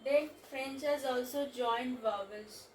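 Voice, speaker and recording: A woman teaching French pronunciation in English, spelling out letters and repeating example words slowly. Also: high voice, roomy sound, recorded from a distance, a little hiss or hum, low-quality recording. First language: Bengali. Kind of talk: slow pronunciation lesson.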